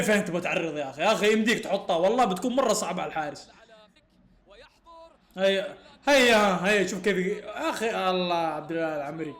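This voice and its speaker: Fast-talking man reacting to football. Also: high voice, roomy sound. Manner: excitable, exasperated, laughing often. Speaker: football fan reacting to a match. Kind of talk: live match reaction.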